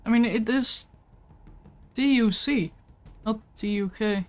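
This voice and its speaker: A woman's voice: a little high, slow, a little mellow. Chatty woman livestreaming a game. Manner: chatty, rambling, snacking between sentences. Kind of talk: casual chat while gaming.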